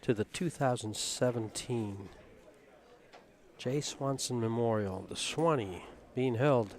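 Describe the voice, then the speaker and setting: Man, mid-pitched, easygoing pool commentator, knows the tables, chats his way through the play. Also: slow pace. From Tucson, Arizona. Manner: relaxed, knowledgeable, chatty.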